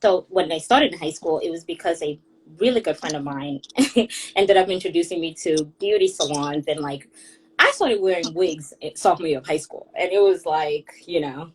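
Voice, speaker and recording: A woman's voice: fairly low pitch, moderate pace, a little hiss or hum, poor audio. A young woman from Kenya, a hairstylist and blogger, chatting as a guest on a group audio call and laughing often as she tells stories.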